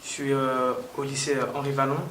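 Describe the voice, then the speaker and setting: A man's voice: medium pitch, completely flat delivery, brisk, fairly bright tone. An eighteen-year-old man answering interview questions, hesitant, with many fillers and restarts. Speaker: local youth council member. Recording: roomy, distant mic, noisy ambience.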